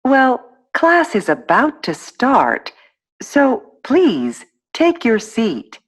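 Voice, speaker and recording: A woman playing a polite female teacher in a scripted textbook dialogue, speaking clearly and deliberately. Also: on the high side, huge pitch swings, heavily acted.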